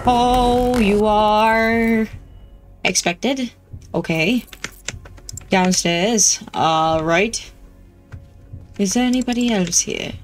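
A woman's voice: mid-range voice, low-quality recording. A woman streamer giving casual, wry commentary as she plays a game, talking to herself. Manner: chatty, wry, talks to herself. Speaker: gameplay streamer. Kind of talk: casual let's-play commentary.

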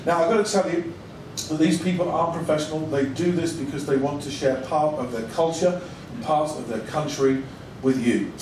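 A man's voice: a little high, moderate pace, a little mellow. A man hosting a stage show as master of ceremonies, addressing a live audience with upbeat showman banter. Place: large indoor ship theatre. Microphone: handheld stage mic, heard from camera in audience. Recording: distant echoey theatre PA, noisy.

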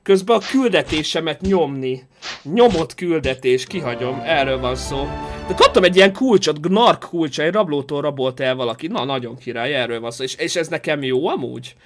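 A man's voice: a little high, faint music behind. A man live-streaming a game in casual chat, joking and thanking viewers for donations. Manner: animated, jokey, reads and thanks donations.

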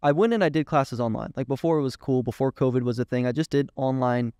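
Animated young man telling stories. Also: medium pitch, quick pace, clear, resonant tone, dry recording, clean studio sound. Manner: animated, swearing, quoting others in dialogue. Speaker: guest, agency owner. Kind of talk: casual interview storytelling.

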